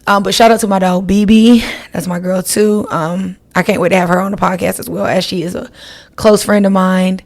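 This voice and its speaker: A woman's voice: mid-range voice, fairly even intonation, normal speed. A woman, hosting her podcast in a chatty, rambling style and talking straight to her listeners. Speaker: podcast host. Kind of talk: casual solo podcast chat.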